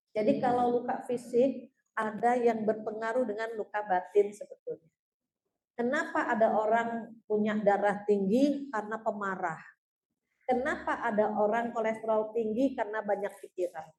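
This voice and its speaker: An earnest woman religious teacher telling personal stories and turning often to her listeners, her voice fairly high yet mellow and warm. She sounds roomy and echoey, as if recorded in a hall. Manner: storytelling, keeps addressing listeners as "Bu"; earnest, heartfelt. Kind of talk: religious talk answering audience questions.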